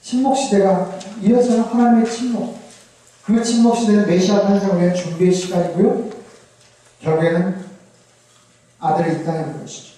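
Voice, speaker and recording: A male pastor giving a Bible lecture, animated and asking the audience rhetorical questions. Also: high voice, moderate pace, pauses often. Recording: very echoey hall, distant mic.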